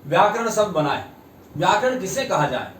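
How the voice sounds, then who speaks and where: A man teaching a grammar lesson, speaking slowly and emphatically and repeating key words, then telling a short story. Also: sits high, very animated, fairly bright tone, slight background noise. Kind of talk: grammar lesson with a told anecdote. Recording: roomy, distant mic, faint ambience.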